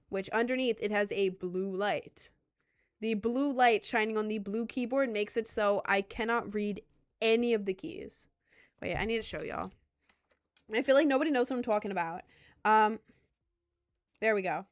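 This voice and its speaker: A woman in her twenties, a content creator from Maryland, USA, chats casually with livestream viewers in a rambling, self-deprecating way. She has a clean, mid-range voice and a light Southern accent mixed with New York.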